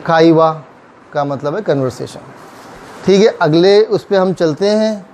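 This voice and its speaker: Slow, patient male language teacher. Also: on the high side, a little mellow, slight background noise, low-quality recording. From Pakistan. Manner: slow, patient, repeats words, checks in with "theek hai". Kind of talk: classroom kanji lesson.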